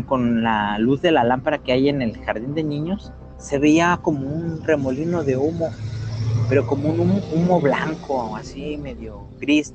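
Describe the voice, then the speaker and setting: A man with a Mexican accent telling paranormal stories in a casual chat, acting out quotes and sound effects. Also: on the high side. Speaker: storyteller guest.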